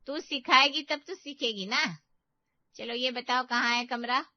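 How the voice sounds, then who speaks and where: A woman voicing a bossy, sharp-tongued old aunt-in-law in a cartoon story, scolding and demanding. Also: sits high, unhurried, no room sound. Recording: dull dry recording.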